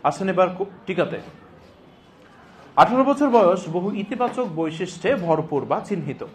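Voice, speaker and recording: A man giving a classroom lecture as a teacher, repeating phrases deliberately for dictation and prompting students with emphatic questions. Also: high voice, animated, a little hiss or hum. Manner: repeats phrases slowly and deliberately for note-taking.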